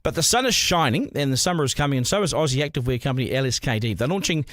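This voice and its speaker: A man's voice: medium pitch, lively intonation, very fast, fairly bright tone, dry recording, clean studio sound. A man, hosting a podcast with a blunt, opinionated monologue. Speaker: podcast host.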